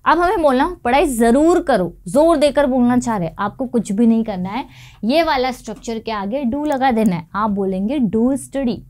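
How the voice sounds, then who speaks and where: Higher-voiced woman teaching a lesson. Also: darkish tone. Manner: explains step by step and says each English example slowly. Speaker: English teacher. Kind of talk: online language lesson.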